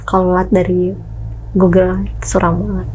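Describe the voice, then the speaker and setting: A woman's voice: fairly low pitch, normal speed, a little hiss or hum, rough recording. A young woman, casually telling a true ghost story as a guest, acting out knocks and voices. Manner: lively, acts out knocks and voices.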